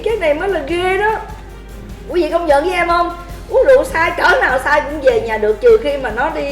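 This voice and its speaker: High-voiced woman, echoey. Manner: animated, laughing often, calls out toasts. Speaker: livestream host telling drinking stories to viewers. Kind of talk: casual storytelling chat.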